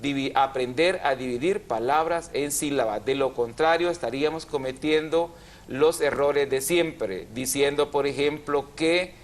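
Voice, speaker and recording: A man's voice: medium pitch, unhurried. A man hosting a TV language program, explaining grammar patiently and drawing out syllables. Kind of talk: didactic TV chat.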